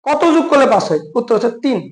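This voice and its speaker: A Bangladeshi Bengali man teaching an exam-prep chemistry lesson, with a very high voice that stays light and quick. He keeps firing questions at the viewer and answering them himself, often calling them brother. The sound is echoey, as if he is in a bare room. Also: animated. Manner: quizzes listener then answers himself. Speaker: chemistry tutor.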